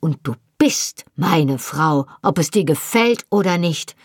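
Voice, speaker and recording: A fierce young Highland husband, proud and stung, speaks low and rough with passion, as a woman narrator reads him. The voice sits deep and husky, set close and dry with no room sound. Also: expressive, slow, no echo, heavily acted. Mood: angry.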